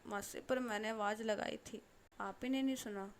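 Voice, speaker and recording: A woman's voice: mid-range voice, steady tone, moderate pace, a little hiss or hum, lightly acted. A woman voicing a young, playful and curious niece who pleads and hesitates. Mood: pleading.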